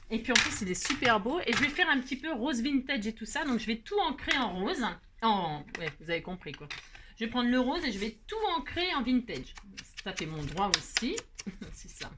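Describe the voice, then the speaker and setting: A woman's voice: a little high, very animated, fairly quick, very noisy. Chatty, playful woman teaching a craft. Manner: playful, teasing asides, talks straight to viewers; narrates her hands, frequent "hop" and filler words. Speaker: craft tutorial host. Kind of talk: casual chatty tutorial.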